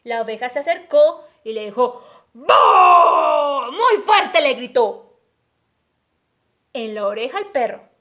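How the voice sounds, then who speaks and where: A kindergarten teacher reading a story aloud to young children, animated and affectionate, acting out animal sounds. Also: female voice, a little high, a little slow, long pauses.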